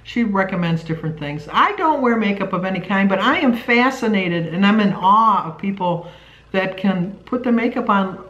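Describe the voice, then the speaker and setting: A woman in her sixties co-hosts a home vlog, chatting casually and rambling with plenty of fillers. Her mid-range voice is animated and a little bright, at a moderate pace. The recording sounds roomy, dull and lo-fi.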